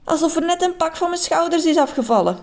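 Woman doing an astonished, high-voiced man. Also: expressive, fast, a little mellow. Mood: amazed, emotional. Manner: astonished, emotional exclamations. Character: grown man overwhelmed, becoming childlike again.

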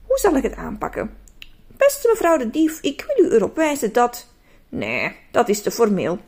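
A woman's voice: fairly low pitch, huge pitch swings, normal speed, creaky, darkish tone, breathy edge, full character voice. A woman voicing a stern, fussy storybook man who hates colour and scolds himself. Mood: rehearsing.

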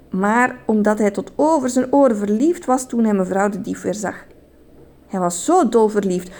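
A woman reading a children's story aloud in an animated, sing-song way. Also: medium pitch.

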